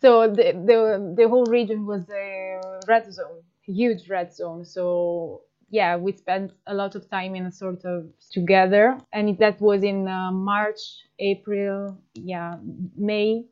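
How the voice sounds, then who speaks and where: Young woman, halting and self-deprecating, mid pitch, slightly dull lo-fi sound. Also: steady tone, smooth. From northern Italy. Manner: hesitant, searching for words, self-deprecating. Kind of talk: casual chat.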